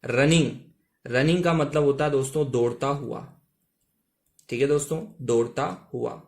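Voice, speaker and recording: A man teaching English reading in Hindi, reading each English line slowly, then explaining it word by word. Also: mid-range voice, steady tone, a little mellow. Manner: repeats "ठीक है दोस्तों", reads English lines very slowly.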